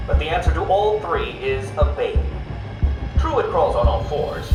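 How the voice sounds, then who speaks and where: A man's voice: expressive, moderate pace, close to an everyday voice. A man playing the Riddler, smug and sneering. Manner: smug, condescending, theatrical swings in pitch. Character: arrogant sneering male riddle-obsessed villain, adult. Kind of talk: video game voice acting, taped patient interviews. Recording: echoey with loud music underneath.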